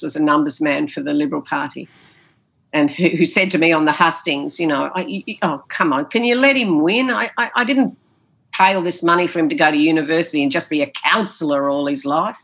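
A former politician speaks fairly quickly in a deep, gravelly and slightly bright voice while answering interview questions. She tells stories with emphasis and theatrical flair, frequently repeating phrases and dropping "you know."

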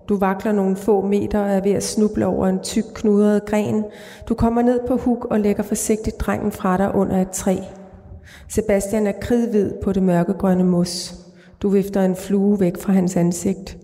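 Calm woman author reading in a church. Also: mid-range voice. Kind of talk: literary reading and interview answers. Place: large church. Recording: reverberant church hall.

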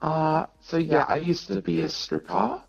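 An anonymous woman caller speaking through an electronic voice disguiser that makes her sound deep, talking hesitantly with many pauses on a radio call-in. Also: huge pitch swings, vocal fry, breathy edge, faint music behind, rough recording. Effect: disguised voice, electronically lowered to sound deep.

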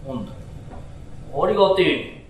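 Brief: storyteller doing a brash Edo burglar, rough street talk, lively swooping voice, live in a roomy hall. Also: male voice, high voice, normal speed. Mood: gleeful. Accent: Tokyo downtown speech. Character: brash, greedy male burglar, cocky and easily fooled. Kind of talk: rakugo storytelling. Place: small storytelling hall before an audience. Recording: roomy hall with faint noise.

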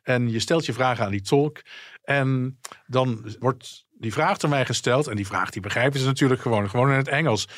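A man in casual radio chat, relating his interviews as a reporter in a relaxed storytelling way. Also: medium pitch, moderate pace, dry recording, studio quality.

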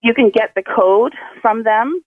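A woman's voice: a little high, unhurried, no echo. Woman caller on a dry radio line. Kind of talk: casual chat. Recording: phone call into radio, faint music.

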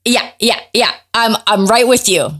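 A middle-aged woman hosting a podcast in loose, excitable casual chat, quick to laugh. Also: on the high side. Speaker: podcast host.

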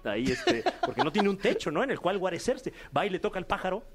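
A man's voice: very animated, fast talker, music in the background. A man with a Mexican Spanish accent hosting a casual comedy podcast, playfully retelling jokes. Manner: playful storyteller, acts out characters in high squeaky voices. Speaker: podcast host presenting a top three.

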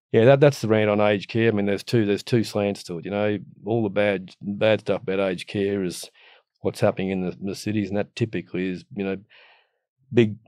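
This middle-aged Australian man has a lowish, somewhat mellow voice, captured in a dry, studio-quality recording. As a guest sharing opinions, he rants casually and bluntly, using the earthy, matey slang and mild swearing of an Aussie tradesman.

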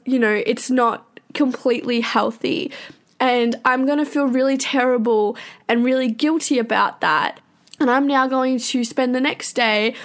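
High-voiced young woman, candid and blunt. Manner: candid, swears often, fast bursts. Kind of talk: personal confessional monologue.

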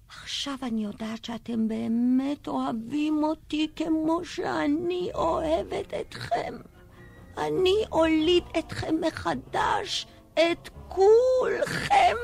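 A tormented, obsessive mother in a stage drama. She stammers, then grows feverish. Her voice is high and swoops widely, with gravel under it and music behind. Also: a little mellow. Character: guilt-ridden mother, torn and obsessive.

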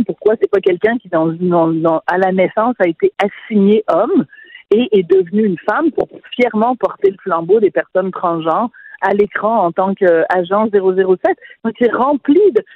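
A woman's voice: medium pitch, no room sound. A woman calling in as a radio guest, giving blunt, emphatic opinions. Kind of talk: casual radio chat. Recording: dry tinny phone line.

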